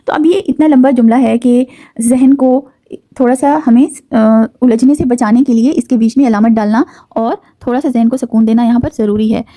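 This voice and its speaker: A woman teaching a grammar lesson, explaining patiently with occasional fillers and slowing down to stress key words. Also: on the high side, fairly even intonation, dark tone, no room sound. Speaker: Urdu teacher.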